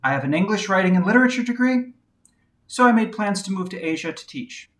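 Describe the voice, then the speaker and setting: A woman giving a quiet, candid personal narration at a measured pace, with frequent pauses. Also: mid-range voice, expressive. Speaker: video essayist.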